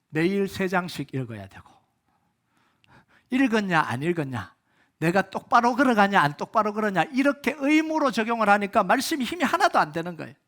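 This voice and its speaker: A male pastor preaching a sermon, urging loudly at times and dropping to soft near-whispers, full of rhetorical questions. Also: high-pitched. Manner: rhetorical questions, acts out inner voices.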